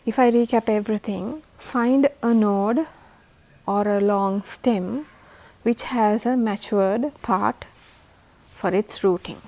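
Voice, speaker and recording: Slow, tired Sri woman explaining plant care. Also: mid-range voice, darkish tone. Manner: patient, step-by-step explaining. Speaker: host of a plant-growing channel. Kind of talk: home gardening tutorial.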